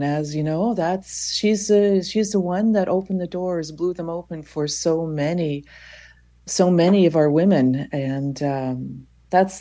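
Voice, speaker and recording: Slow, deep, mellow-voiced woman. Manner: halting, thoughtful, with emphatic bursts. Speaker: interview guest, author and columnist. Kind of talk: reflective radio panel conversation.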